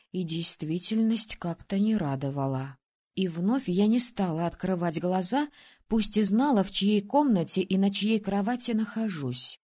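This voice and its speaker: A woman reading first-person narration for an audiobook in an even, measured way. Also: medium pitch.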